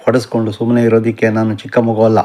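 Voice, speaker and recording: Man reading as an angry young male student, bitter, confrontational, low flat voice, audiobook. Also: fast, close to an everyday voice. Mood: defiant. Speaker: son.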